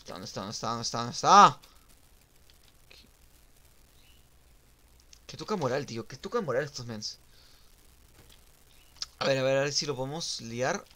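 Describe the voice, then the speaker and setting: A young man streaming a game, giving casual live commentary that swings from muttering to sudden shouts and sing-song teasing. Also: mid-range voice, animated, normal speed, long pauses. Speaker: gaming streamer.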